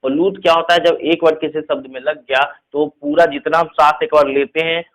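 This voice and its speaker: A man teaching a casual spoken lesson. He explains slowly with repeated examples, mixes in English words, and keeps checking in with "theek hai". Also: on the high side, fairly bright tone, low-quality recording.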